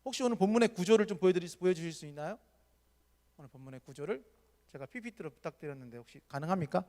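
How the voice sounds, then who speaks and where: A male pastor with a high voice delivers a sermon. He tells the story with energy and gives each quoted speaker a voice of his own. His words ring out with a long reverb that fills a big hall. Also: racing. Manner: animated storytelling, acting out quoted characters. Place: church hall.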